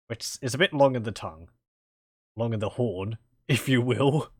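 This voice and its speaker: A man giving casual, halting gameplay commentary, thinking aloud as he chats with his viewers. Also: mid-range voice, husky, no room sound, clean studio sound. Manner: musing aloud, chuckling, halting. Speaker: video game streamer. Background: game music.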